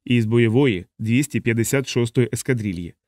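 A man voicing a sardonic young bomber captain in a hospital bed, speaking in a deadpan, mocking way. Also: mid-range voice, fairly quick, no echo, studio quality, natural voice.

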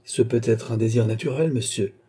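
A rule-bound palace lieutenant, polite but unbending, speaking in a stiff and formal way, as a male reader voices him. His tone is dark and husky, read like a classic storybook. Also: mid-range voice, a little fast, lightly acted. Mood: firm.

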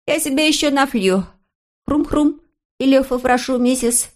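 A woman's voice: medium pitch, sing-song, quick pace, slightly rough. A woman voicing a bold, cheeky little boy who talks smugly with his mouth full. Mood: cocky. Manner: chewing, brash and smug.

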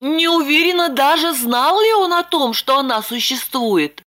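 A woman's voice: lively intonation, unhurried, fairly bright tone. Woman voicing a jittery pleading young woman. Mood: fretful, pleading. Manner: high, pleading and flustered. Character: anxious fretful young woman. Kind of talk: audiobook character voice.

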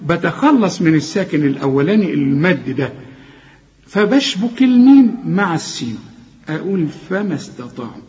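A man with an Egyptian accent teaching Quran recitation, stopping a student to correct each sound and modelling words slowly, often exasperated. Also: high voice, darkish tone, muffled recording, a little hiss or hum. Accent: Egyptian Arabic. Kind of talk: tajweed lesson correcting a student.

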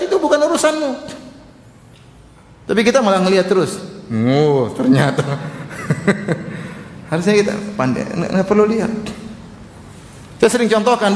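A man preaching a sermon in a conversational, teasing way, often throwing rhetorical questions to his listeners. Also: high-pitched. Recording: echoey hall reverb.

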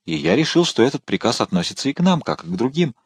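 A man reading the lines of a calm, cool-headed young musketeer in an audiobook. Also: mid-range voice, fast, breathy edge, no room sound. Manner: calm, unbothered.

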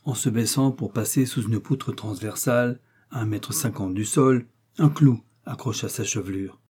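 Male audiobook reader, mellow husky tone, steady novel narration. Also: on the low side, moderate pace. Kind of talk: scripted narration of a wartime novel.

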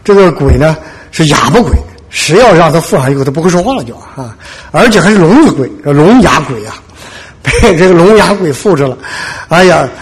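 This man preaches a conversational sermon, retelling Bible stories in a folksy way and checking in with his listeners. His voice is fairly high, expressive and a little fast, with a breathy edge. He keeps dropping "对吧" asides and acts out the quotes.

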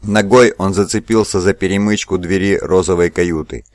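Male narrator, audiobook, low voice, steady measured reading, dry close recording. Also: no echo.

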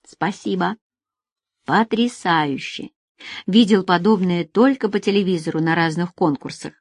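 A woman's voice: on the low side, a little slow, dry recording. Woman voicing a jealous young man, wry, defensive, dry close storybook read. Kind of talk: audiobook character voice.

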